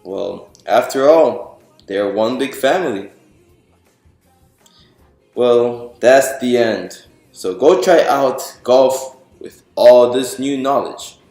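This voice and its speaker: Reading slowly from a picture book, a man uses a mid-range, darkish voice with lively intonation. He explains the story by posing questions to his audience and answering them. Music plays behind, and the room echoes.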